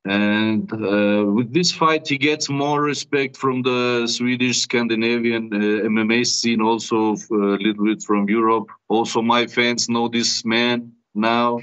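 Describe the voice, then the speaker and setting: A man who is not a native speaker, talking haltingly as a fighter in a casual interview. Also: mid-range voice, level tone, fairly bright tone. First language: not English. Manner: halting, repeats tags like "you know". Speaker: MMA fighter being interviewed. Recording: dull, muffled audio.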